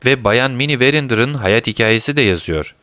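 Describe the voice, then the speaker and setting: Sherlock Holmes, alaycı ve soğukkanlı dedektif bir erkeğin sesiyle. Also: male voice, medium pitch, moderate pace, clear, resonant tone, no room sound, clean studio sound, close to an everyday voice. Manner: calm, teasing, commanding. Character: cool, mocking male detective, middle-aged. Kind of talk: audiobook character voice.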